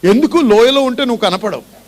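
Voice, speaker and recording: A man's voice: extremely high pitch, animated, brisk, heavy background noise. A male pastor preaching a sermon in a church, asking repeated questions and calling on the congregation to respond.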